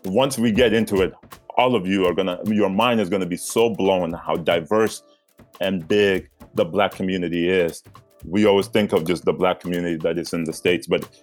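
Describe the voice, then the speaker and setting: A man's voice: sits low, fairly even intonation, moderate pace, a little mellow, soft background music. A man from South Sudan co-hosting a podcast, talking earnestly with frequent restarts. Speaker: podcast co-host. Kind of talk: casual podcast intro.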